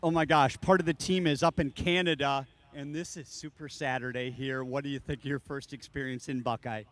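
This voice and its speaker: A man's voice: mid-range voice, fairly even intonation, fairly quick. A man hosting a live air show, gushing and enthusiastic as he talks to the crowd and interviews performers.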